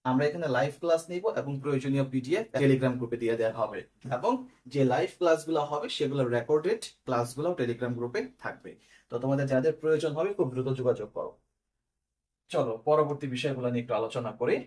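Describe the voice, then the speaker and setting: A man's voice: medium pitch, fast talker, a little mellow. A young man, teaching an exam-prep class online and explaining step by step while checking that his students follow.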